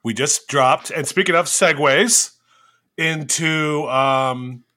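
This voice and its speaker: A man hosting a casual chat among friends, excitable and easily amused. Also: on the high side, slow. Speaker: podcast host.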